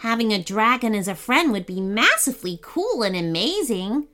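A woman voicing a timid, anxious little male creature with a high, whimpering, pleading voice. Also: very animated, normal speed, bright, forceful tone. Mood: whiny.

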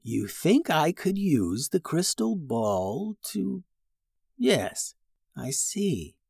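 A storyteller voicing a grumpy female crystal dragon who grumbles in a low, quiet voice. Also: sing-song, drawn-out words, gravelly, breathy edge, dry recording, studio quality, exaggerated voice.

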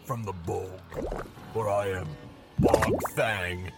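A man voicing a hulking male bog monster in a comedy sketch, his voice pitched far down with a deep pitch-shifted effect. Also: steady tone, slow pace, loud music behind the voice. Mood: menacing. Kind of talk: comedy podcast trailer sketch.

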